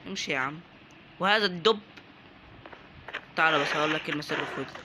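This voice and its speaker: A man's voice: on the high side, quick pace, background noise. A young man with an Egyptian Arabic accent, giving joking, chatty let's-play commentary and talking to the game's characters. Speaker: gaming YouTuber.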